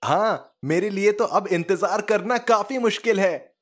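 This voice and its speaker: Man doing a schoolboy voice, high, excitable, emotional, storybook. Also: normal speed, soft background music, natural voice. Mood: excited. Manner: eager, emotional, exclaiming. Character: tearful excitable schoolboy Ben.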